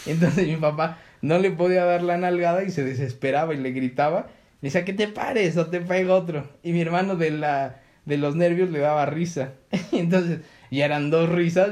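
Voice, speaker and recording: A man's voice: on the high side, darkish tone. A young man with a Mexican Spanish accent, telling childhood stories in a casual chat and acting out the voices of people he quotes. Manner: storytelling, acts out quoted voices.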